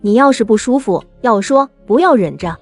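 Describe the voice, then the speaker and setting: A woman playing a caring mother in an animated drama, who fusses in a concerned way. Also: a little high, moderate pace, soft background music.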